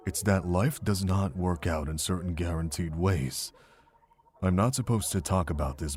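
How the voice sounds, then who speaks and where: This man voices a kind, remorseful monk of middle age, a mentor figure in a fan-made visual novel drama. He speaks thoughtfully and deliberately, his voice sitting low with a breathy edge.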